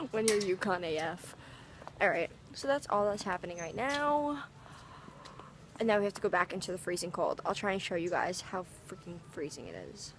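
A woman's voice: on the low side, expressive, normal speed, long pauses, a little hiss or hum. A young woman in her late teens chatting casually and bubbly to a handheld camera, giggling often and saying "like" a lot. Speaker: vlogger. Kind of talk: casual vlog chat. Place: outdoors in cold weather and in a car.

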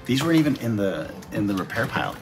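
A man's voice: fairly low pitch, very animated, fast, a loud crowd. A man chatting casually while digging through piles of old video game gear. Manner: casual, absorbed in rummaging. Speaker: friend digging through games. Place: game warehouse.

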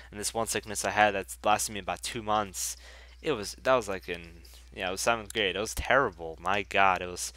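Congested from a cold, a young man who makes gaming videos on YouTube keeps up a chatty, profane, rambling commentary on his game. His voice sits on the low side, bright, forceful, clear and resonant. There is no echo.

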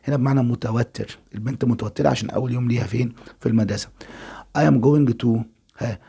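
A man's voice: medium pitch, fast talker, creaky, mellow, husky. A man with an Egyptian Arabic accent teaching an English exam review, explaining step by step and answering his own questions.

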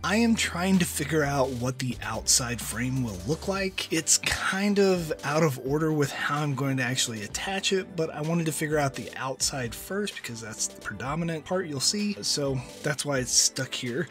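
A man's voice: fairly high pitch, expressive, moderate pace, hardly any pauses, fairly bright tone, soft background music. A man in his forties, a prop maker, narrating a craft build in voice-over with dry, self-mocking humor.

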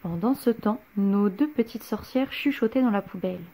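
A woman reading a children's picture book aloud, gentle and expressive. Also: mid-range voice, moderate pace, slight background noise. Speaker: storyteller.

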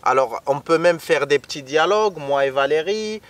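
A man's voice: on the high side, expressive. Male co-host, patient and repetitive, voice a little raised, recorded from a distance. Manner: patient, repeats phrases slowly for learners. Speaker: co-host teaching Moroccan Arabic. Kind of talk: casual language lesson. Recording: voice a bit far from the mic.

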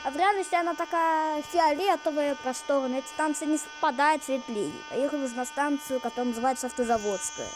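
A woman giving casual, rambling game commentary in halting, repetitive phrases. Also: sits high. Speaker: gamer commentating. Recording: loud noise from train game. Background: train game sounds.

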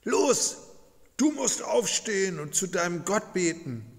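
A man's voice: high-pitched, very animated, in a large hall, voice pushed up, exaggerated voice. A man doing a bossy ship captain. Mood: urgent. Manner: brisk, commanding.

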